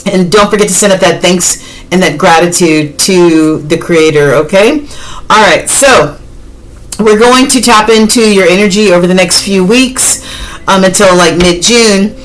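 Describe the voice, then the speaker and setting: A woman's voice: medium pitch, unhurried, slight background noise, rough recording. A woman, chatting directly to viewers in a casual tarot reading, with many fillers. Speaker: tarot reader.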